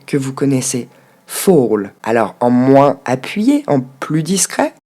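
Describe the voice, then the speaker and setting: Lively woman teaching pronunciation. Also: fairly low pitch. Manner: clear, instructive, models words slowly syllable by syllable. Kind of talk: pronunciation lesson.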